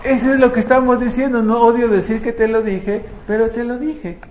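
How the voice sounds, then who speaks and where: Male preacher, high voice, conversational sermon with rhetorical questions; roomy echo and faint ambience. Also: fairly even intonation, brisk, a little mellow, a little hiss or hum. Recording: echoey room, faint ambience.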